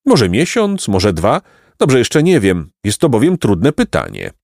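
A man's voice: lowish voice, wildly swooping pitch, unhurried, vocal fry, a little mellow, dry recording, clean studio sound, heavily acted. A man voicing a pompous, stubborn male donkey who fancies himself a philosopher, in a lofty, ponderous storybook manner. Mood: musing. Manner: lofty, ponderous, self-important. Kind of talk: audiobook reading of a children's tale.

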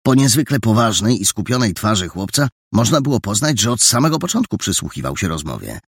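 Man, audiobook narrator, gravelly, husky, very lively pitch, dry sound. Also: a little fast, dry recording. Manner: expressive, many character voices.

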